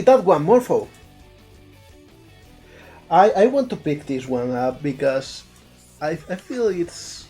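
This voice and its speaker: A slightly mellow, medium-pitched voice belongs to a Spanish game developer with an Andalusian accent and Spanish as his first language. He streams his art live, chatting casually, thinking aloud as he works and repeating words frequently.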